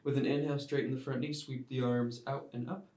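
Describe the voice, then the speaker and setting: A man teaching a yoga class, giving calm step-by-step cues timed to the breath. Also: mid-range voice, a little fast. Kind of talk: guided yoga class instruction. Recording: roomy sound, mic at a distance.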